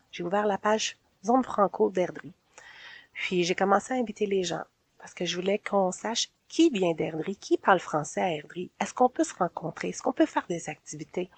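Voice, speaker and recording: A woman's voice: fairly low pitch, no echo. A sociable woman in her forties with a Québécois French accent, casually telling her own story in an interview and laughing often between phrases. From Quebec.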